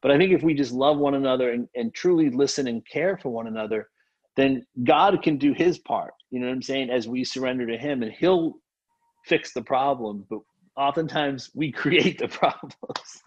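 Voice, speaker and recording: A man's voice: medium pitch, normal speed, muffled recording. A man who grew up in Haiti, talking earnestly as a podcast guest about faith and generosity, full of fillers and restarts. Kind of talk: casual faith conversation.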